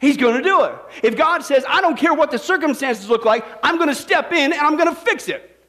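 A man with a notably high, lively voice delivers a sermon. His pitch leaps up and down as he preaches. He keeps the crowd with him through rhetorical questions and repeated calls of "okay?" and "listen". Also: fairly quick. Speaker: pastor.

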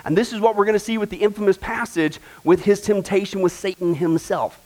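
A man with a strikingly high voice preaches a sermon at a church service. He jokes, turns emphatic, and keeps throwing questions out to the congregation. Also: steady tone, fairly quick, darkish tone. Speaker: pastor.

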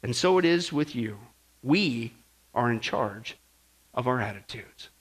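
A male pastor preaching a sermon, telling humorous stories with animated delivery and dropping to quiet emphasis on key points. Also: mid-range voice, a little slow, slightly rough.

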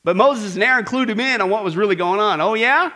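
A man preaching a sermon as pastor in a church, lively and conversational, acting out voices and asking the congregation questions. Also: high voice, fast. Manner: animated, acts out grumbling voices and asks the audience questions.

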